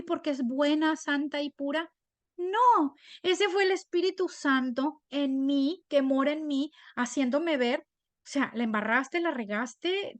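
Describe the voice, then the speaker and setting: A woman teaches a women's Bible study through her own testimony. Her voice sits high and stays lively and conversational, and she keeps asking her listeners "right?". The sound is dry, with no room echo. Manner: animated, chatty, often asks "right?".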